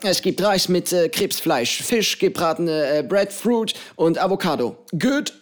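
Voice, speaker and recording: A man's voice: animated, a little slow. A man putting on a jolly old island pirate. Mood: jovial. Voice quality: booming hearty manner.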